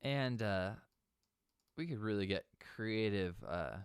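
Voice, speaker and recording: A young man with a deep, smooth voice walks through a software synth tutorial. His talk is loose and conversational, full of small fillers. The sound is close and dry, with no room echo. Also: expressive, slow. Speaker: music producer teaching synth sound design.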